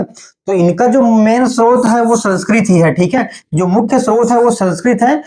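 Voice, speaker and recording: A male teacher whose voice sits high with a darkish tone leads an online grammar lesson, explaining step by step and checking in after each point. He often says "theek hai" and slows down when listing terms.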